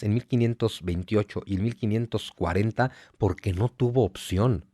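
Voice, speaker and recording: A guest writer in his forties with a Mexico City Spanish accent speaks in a conversational interview, emphatic and lecturing as he piles up lists and rhetorical questions. His voice is on the low side, dark and husky, in clean studio audio with no room sound.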